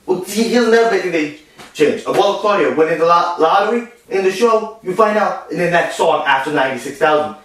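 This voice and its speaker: A man chatting casually about a stage show and its film, rambling with lots of fillers and restarts. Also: on the high side. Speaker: co-host discussing a musical and its film. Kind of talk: casual chat. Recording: echoey room, distant from the mic.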